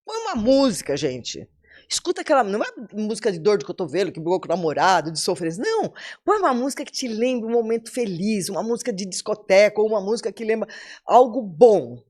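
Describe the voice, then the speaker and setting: Lively older Brazilian woman giving advice. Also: medium pitch, fairly quick. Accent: Brazilian Portuguese. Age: 70s. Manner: animated, teaching, addresses listeners directly. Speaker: podcast guest, speaker. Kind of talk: motivational talk in an interview.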